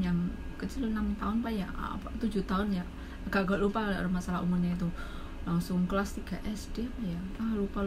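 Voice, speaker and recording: Chatty Indonesian woman, noisy background. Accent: Javanese Indonesian. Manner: animated, jumps into high-pitched quoted voices. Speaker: domestic worker vlogger. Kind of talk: casual storytelling vlog.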